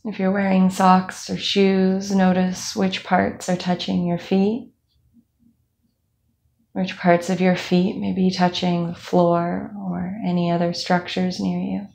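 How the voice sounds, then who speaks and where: A young woman instructor leading a calm guided body scan meditation, speaking slowly with soft fillers. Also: fairly low pitch, gravelly. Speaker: movement instructor.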